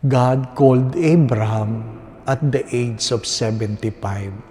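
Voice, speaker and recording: A man with a Filipino accent speaking as a priest at Mass, solemn and deliberate, pausing between short phrases in a church with cathedral echo. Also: medium pitch, mellow. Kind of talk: solemn scripture reading and homily. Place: inside a large reverberant church.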